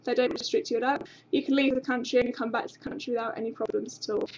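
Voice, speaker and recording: A young Englishwoman whose accent carries a slight Australian tinge presents a university webinar from a small office, a banner behind her, into a webcam at her desk. She is chatty and informative with frequent ums. Her voice is on the high side and darkish, with fairly even intonation and a fast pace, while the recording has its highs cut off and slight background noise.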